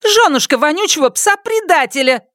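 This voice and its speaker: A man's voice: very high-pitched, expressive, normal speed, bright, forceful tone, dry recording, clean studio sound, pitched above the performer's own voice, full character voice. A man voicing a jeering, insulting young woman.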